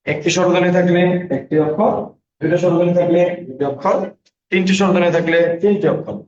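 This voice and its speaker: During an online Bangla class, a man calls out student names, reads their answers, and drills them with repeated questions. His high voice is steady, quick, and darkish, heard through echoey, distant, dull lo-fi audio.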